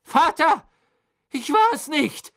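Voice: high voice, big pitch swings, slow, voice pushed up, heavily acted. A desperate teenage boy in chains who sobs and screams his pleas. His voice jumps far above the narrator's and cracks into tears. This is a dramatic audiobook reading. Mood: desperate, sobbing.

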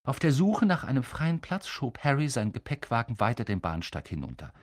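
A man reading a children's fantasy novel aloud as a lively, dramatic audiobook narrator. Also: medium pitch, fairly quick, no room sound, studio quality. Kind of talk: scripted narration.

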